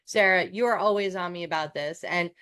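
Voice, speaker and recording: A woman's voice: on the low side, a little fast, fairly bright tone, clean tone. A woman from New York co-hosting a coaching podcast, chatting casually with restarts and self-deprecating asides.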